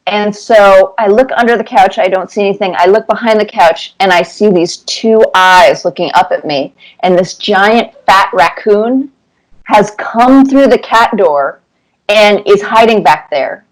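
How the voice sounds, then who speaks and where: This woman cartoonist, speaking at an unhurried pace in a medium-pitched voice, answers interview questions through casual anecdotes, delivered animatedly with repeated words for emphasis. The recording is of low quality.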